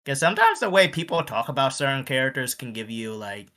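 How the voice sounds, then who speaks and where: A man's voice: mid-range voice, quick pace. A man co-hosting a casual podcast chat, talking animatedly and acting out what other people say. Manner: animated, acts out quoted voices. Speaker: podcast co-host.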